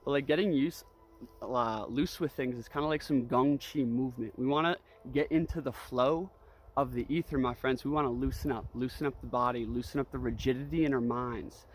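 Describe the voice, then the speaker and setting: A man's voice: mid-range voice, fairly even intonation, fairly quick. A man teaching breathwork in a casual, easygoing way, guiding with repeated cues and loose, conversational filler phrases. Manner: easygoing, loose phrasing peppered with "you know", "like" and "right?". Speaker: breathwork and energy practice instructor. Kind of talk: casual spoken instructional demonstration.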